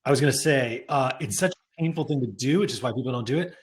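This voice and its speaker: A man's voice: mid-range voice, fast talker. A man hosting a casual webinar conversation over a video call, conversational and full of likes and uhs. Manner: conversational, with many "like" and "uh" fillers. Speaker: host, company CEO. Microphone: video call microphone.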